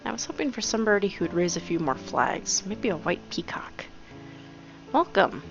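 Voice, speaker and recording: A woman's voice: medium pitch, big pitch swings, a little fast, gravelly. A woman voicing a cheerful young schoolgirl heroine who narrates in a chatty, wry, playful way. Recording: dull lo-fi with game music.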